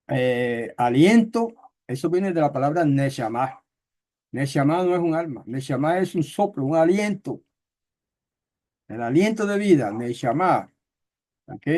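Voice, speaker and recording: A man teaching a Bible study, explaining words step by step and slowly reading out text in another tongue, with many fillers and checks on his listeners. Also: mid-range voice, dark tone. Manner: slow, careful reading of Hebrew text.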